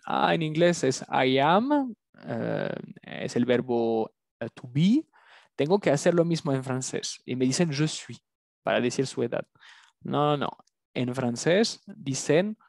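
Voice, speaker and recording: A man teaching a language lesson, drilling words slowly and patiently. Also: fairly high pitch, creaky, darkish tone, no echo, studio quality. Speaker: French teacher.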